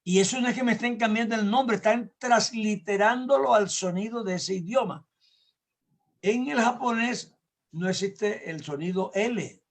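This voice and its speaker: Older male pastor, high light voice, emphatic teaching sermon, repeats words for stress. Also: moderate pace. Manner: explains with everyday examples, asks listeners to agree.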